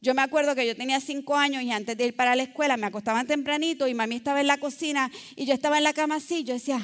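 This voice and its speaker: A woman preaching a sermon, exhorting her listeners and swinging between loud calls and soft, low asides. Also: steady tone, racing.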